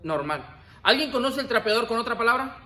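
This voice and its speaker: Guy teaching bible class, kinda high voice, jokes around, asks the room stuff, echoey classroom. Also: fairly quick. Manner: lively, jokey, asks the class questions. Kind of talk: classroom lecture.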